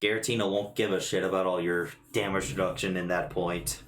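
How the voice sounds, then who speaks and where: A man's voice: deep voice, fairly even intonation, fairly quick. A man running a tabletop game, narrating casually with blunt, sweary remarks. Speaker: game master. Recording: echoey room, faint noise.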